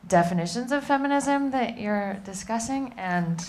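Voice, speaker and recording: A woman's voice: a little high, lively intonation, moderate pace, a little mellow, a little hiss or hum. A woman from the audience asking a panel a question, nervous with a shaky voice. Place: museum event room.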